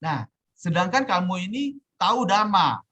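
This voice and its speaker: A man's voice: sits high, sing-song, unhurried, sharp tone. A middle-aged man, a Buddhist teacher telling a personal story in a dhamma talk, speaking conversationally with many fillers. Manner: conversational, many fillers, acts out his own quoted pleas.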